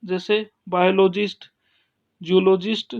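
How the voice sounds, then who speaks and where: A man talks through a grammar lesson at a very slow, deliberate pace. His voice has a gravelly edge, and he often pauses or restarts mid-sentence. The recording sounds dull and lo-fi. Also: high-pitched, little pitch movement. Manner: slow, halting explanation with frequent restarts. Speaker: English teacher.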